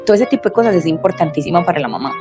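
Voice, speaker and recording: A woman's voice: on the low side, very fast, over music. A woman, an interview guest who is a mother, telling a personal story in conversation and acting out the voices of people she quotes. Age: adult mother. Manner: lively, acts out quoted dialogue.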